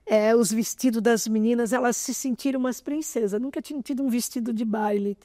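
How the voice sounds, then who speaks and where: A woman in her sixties recounts a personal story as an interview guest. Her voice sits fairly high and sounds dry and close. She speaks with animated feeling, often close to tears. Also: a little fast, dry recording. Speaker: interview guest, association president.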